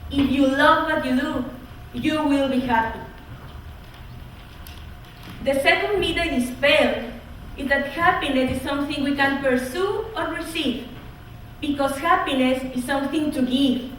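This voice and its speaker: A young woman from Ecuador, a student, delivering an earnest, measured oratory speech. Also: sits high, recorded from a distance, slight background noise. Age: young adult. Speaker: student speaker. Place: college auditorium. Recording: echoey hall, mic from afar.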